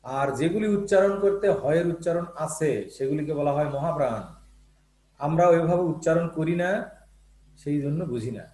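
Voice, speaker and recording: A man's voice: on the high side, moderate pace, dark tone. Echoey patient male Bangla teacher. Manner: explains patiently, repeats terms and checks with "ঠিক আছে?". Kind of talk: classroom lesson on Bangla phonetics.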